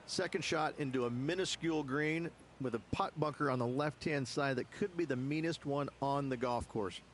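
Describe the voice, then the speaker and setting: A male golf commentator voiced by an actor explains play as the booth analyst in a sports game. His voice sits a little high and sounds conversational, over faint noise. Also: moderate pace, lightly acted. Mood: assured.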